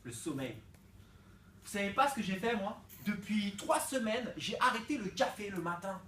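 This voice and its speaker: A man performing improvised comic slam poetry for a class, playful and energetic, swinging between loud outbursts and hushed dreamy passages, stammering as he makes it up. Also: sits high, normal speed, a little hiss or hum. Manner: stammering repeats while improvising. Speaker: slam poet leading a school workshop. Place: school classroom. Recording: echoey classroom, voice from a distance.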